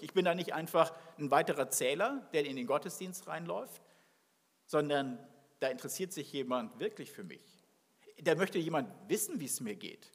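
A man's voice: a little high, breathy edge. A man preaching a sermon as pastor, reading scripture and then acting out little dialogues as he tells his story. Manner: animated, acts out dialogue in his telling. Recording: long hall reverb.

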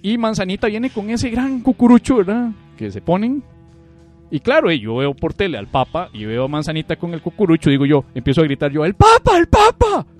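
A young man with a Costa Rican accent, co-hosting a podcast and telling stories in an animated way, sometimes jumping into a child's shrill voice. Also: fairly quick, faint music behind. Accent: Costa Rican Spanish. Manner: animated storyteller, acts out childish shouts. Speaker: podcast co-host. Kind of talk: casual comedic chat.

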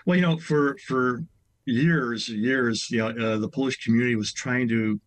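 A man's voice: mid-range voice, steady tone, normal speed. A man in his sixties, a radio guest, explaining history at length with frequent "uh" and "you know" fillers. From Chicago area. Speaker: guest, museum president. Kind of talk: radio interview.

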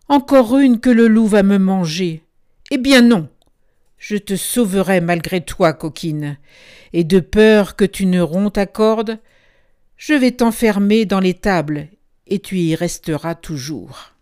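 A fussy, fretting farmer, acted by a woman reading a storybook, who keeps crying out in alarm and scolding. His lines come louder and higher than the narration, still delivered at an unhurried pace. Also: expressive. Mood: agitated. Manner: exclaiming, agitated and scolding. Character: anxious, fussy old farmer fretting over his goats.

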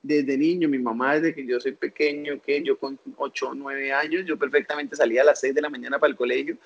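Gravelly young Colombian man telling his story. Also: medium pitch, a little fast, dull audio. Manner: animated storyteller who acts out quoted voices. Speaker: guest. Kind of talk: personal life story in an interview.

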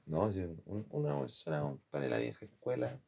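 Man, Chilean accent, very low voice, heavy vocal fry, rambling slangy storytelling. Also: wildly swooping pitch, moderate pace, darkish tone. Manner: rambling, slangy, keeps addressing the listener as "compadre". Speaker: former design student. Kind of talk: casual personal storytelling.

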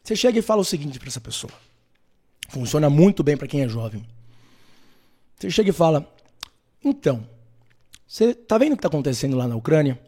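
Speaking fairly quickly but with long pauses, a Brazilian man with a fairly high voice gives animated, blunt opinions straight to camera. He addresses the viewer as "colega" and "meu filho" and acts out the people he quotes with mocking impressions.

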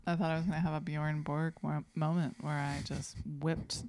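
A woman's voice: deep voice, level tone, normal speed, darkish tone, a little hiss or hum. A woman in her forties co-hosting a podcast, chatty, laughing easily and groping for words. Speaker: podcast co-host. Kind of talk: casual chat.

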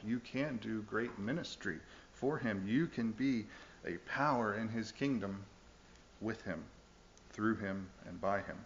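Earnest, low-voiced male preacher. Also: a bit bright, muffled recording, slight background noise. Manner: earnest, emphatic, with urgent questions to the listeners. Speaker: pastor. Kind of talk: sermon.

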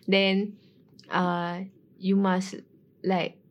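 A woman's voice: medium pitch, monotone, drawn-out words, lo-fi sound. A woman with a Singaporean accent in a casual group chat, blunt and slangy, switching between languages as she talks.

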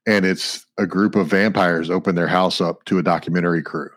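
Low-voiced man chatting about movies. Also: fairly even intonation, fairly quick, a bit bright. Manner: enthusiastic, recounts scenes, often breaks into quoted lines. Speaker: podcast co-host. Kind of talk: casual movie chat.

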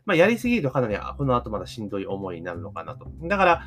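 Fast, lively Japanese-speaking man musing. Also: lowish voice. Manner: thinks aloud with many fillers and rhetorical questions. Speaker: podcast host. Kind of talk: casual solo commentary.

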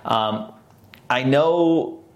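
A man's voice: medium pitch, very slow, highs cut off. A man with a Boston accent hosting a podcast in a casual, conversational style. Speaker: podcast host.

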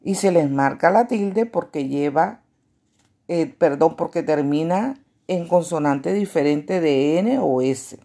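Gravelly-voiced woman teaching children. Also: sits low, lively intonation, dark tone. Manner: slow, deliberate explaining with rhetorical questions. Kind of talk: spoken grammar lesson for children.

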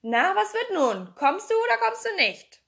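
A woman reading a storybook aloud and voicing a rough, bullying male sailor who shouts threats. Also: high-pitched, sing-song, moderate pace, heavily acted. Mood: angry shouting.

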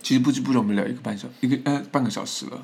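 A young man co-hosting a podcast, chatting casually with quick teasing remarks. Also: mid-range voice, gravelly, darkish tone, husky. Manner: quick-talking, teasing, reacts with laughs. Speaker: podcast co-host, stage performer. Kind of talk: casual chat.

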